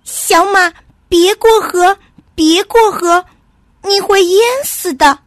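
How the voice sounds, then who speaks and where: A woman voicing an excitable little squirrel in a storybook, shrill and urgent. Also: slow pace, no echo. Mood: alarmed. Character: excitable small squirrel, loud and alarmed.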